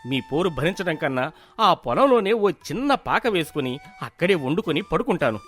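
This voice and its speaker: A man's voice: a little high, sing-song, moderate pace, a bit bright, faint music behind. A man voicing a weary young farmer husband in a cartoon, pleading and exasperated, caught between quarrels. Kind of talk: cartoon voice acting.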